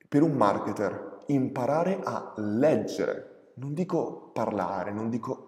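A man with an Italian accent and a slightly low voice speaks in a room with strong echo and a long reverberant tail. He answers audience questions informally, as a marketer giving advice. His delivery is direct, opinionated and emphatic. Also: darkish tone. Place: echoey indoor space.

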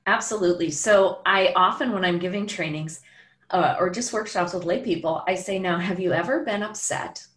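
A woman guest on a podcast, explaining her healing practice in an animated way and acting out the voices she quotes. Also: on the low side, moderate pace, roomy sound.

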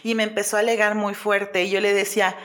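A woman with a Mexican accent, a guest in a casual chat, telling animated stories with lots of fillers and laughter. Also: mid-range voice, fast talker. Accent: Mexican Spanish.

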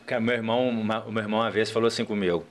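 A man with a fairly low voice tells stories in a relaxed podcast chat, packing his talk with fillers. A faint hiss runs under the recording. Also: rapid-fire. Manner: animated storytelling, frequent "cara" fillers. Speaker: guest entrepreneur.

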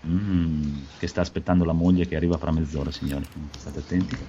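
A man's voice: rumbling low, fairly even intonation, fairly quick, mellow, lo-fi sound, slight background noise. A man hosting a podcast in casual banter, announcing with mock grandeur and swearing freely. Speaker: podcast host.

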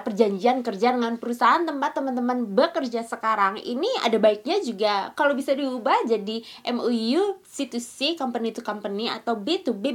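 A woman teaching an online business course in a chatty, slangy, teasing way. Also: fairly high pitch. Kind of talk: casual educational talk.

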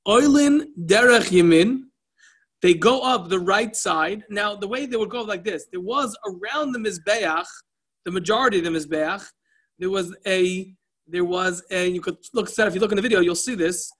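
Bright-voiced man teaching a Talmud class. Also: sits high, normal speed. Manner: conversational, restarts, mixes in Yiddish and Hebrew terms.

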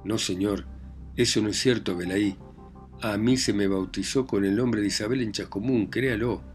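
A man reading aloud voices a defiant, grieving young country widow who answers with sharp, indignant retorts. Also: lowish voice, moderate pace, faint music behind, lightly acted.

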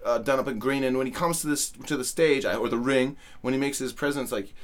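Male podcast co-host, average pitch, loose and profane, thinks aloud. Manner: swears freely, restarts phrases, builds points slowly. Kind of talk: casual chat.

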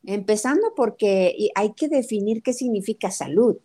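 A woman's voice: mid-range voice, moderate pace. A middle-aged woman with a Mexican accent, talking as a guest about family nutrition, telling stories and acting out her daughter's lines. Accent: Mexican Spanish. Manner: animated storytelling, acts out quotes of her daughter. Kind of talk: conversational talk interview.

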